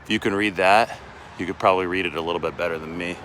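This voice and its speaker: A man's voice: deep voice, fairly even intonation, fast talker, a bit bright, a little hiss or hum. A sports reporter chatting casually outdoors while walking with a handheld phone camera, rambling and often restarting his sentences. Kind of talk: casual live walking vlog. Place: outdoors on city streets and in a park.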